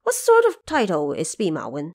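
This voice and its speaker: A woman's voice: lowish voice, huge pitch swings, normal speed, a little mellow, no room sound, clean studio sound, pitched below the performer's own voice. A woman voicing a proud, hot-tempered male monkey warrior in an audio drama, boastful and indignant. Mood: curious, self-assured.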